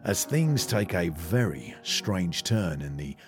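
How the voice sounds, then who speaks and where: An actor playing an earnest documentary presenter in a mockumentary, who asks probing questions. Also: male voice, low voice, big pitch swings, slow pace, over music, heavily acted. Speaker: host. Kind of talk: mockumentary narration and interviewing.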